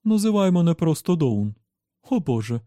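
Man doing a sugary gushing young woman, higher voice, dry sound. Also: big pitch swings, moderate pace, mellow, dry recording.

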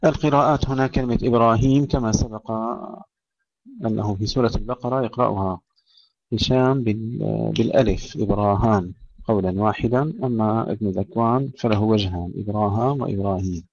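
A man teaching tajweed, reciting verses slowly and melodically, then explaining the rules quickly. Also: fairly low pitch, darkish tone, no echo. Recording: dry, muffled lo-fi recording.

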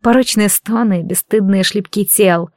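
A woman reading an erotic fantasy novel aloud as scripted narration, slow, even and intimate. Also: medium pitch, no room sound, studio quality. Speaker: audiobook reader.

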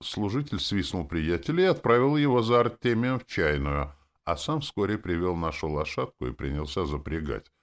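A man narrating a fantasy audiobook in an expressive, animated reading style. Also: low voice, moderate pace.

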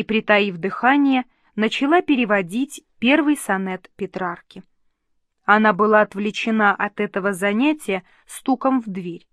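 A woman's voice: mid-range voice, no echo, studio quality. Woman reading a historical novel aloud. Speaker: narrator.

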